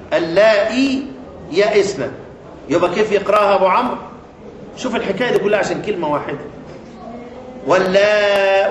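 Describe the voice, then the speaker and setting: High-voiced Egyptian teacher, echoey room. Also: male voice. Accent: Egyptian Arabic. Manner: keeps asking the class rhetorical questions and repeating key words. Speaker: Quran recitation teacher. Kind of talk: classroom lesson explaining a poem on tajweed rules. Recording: echoey room with faint noise.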